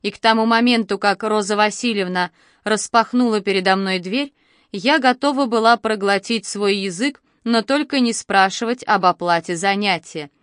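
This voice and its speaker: A woman narrating a first-person novel in a measured, expressive storytelling voice. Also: medium pitch, smooth, no echo, studio quality. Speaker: audiobook narrator.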